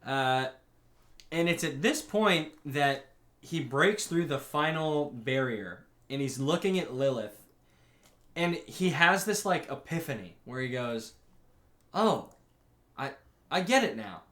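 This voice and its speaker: A man's voice: on the high side, lively intonation, fairly bright tone. A man co-hosting a casual podcast, rambling with many restarts and some swearing, sometimes acting out characters' lines. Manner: acts out characters' lines in quick asides. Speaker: podcast co-host. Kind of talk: casual podcast chat about anime. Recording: roomy echo.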